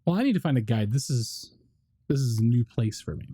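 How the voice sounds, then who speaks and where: A tabletop player joking and bantering through a casual game session. The voice is husky, and the pitch moves widely as the talk runs on. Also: animated, brisk, dark tone.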